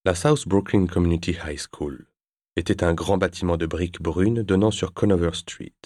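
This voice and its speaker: A male audiobook narrator with a very deep, low voice. He reads in a measured, even storytelling manner. The sound is close and dry, with no room around it. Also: no echo. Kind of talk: scripted narration.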